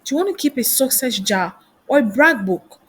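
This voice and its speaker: Speaking at a normal speed in a fairly high, slightly rough voice, a woman gives an animated motivational lesson on careers. She is a coach and trainer who asks many rhetorical questions.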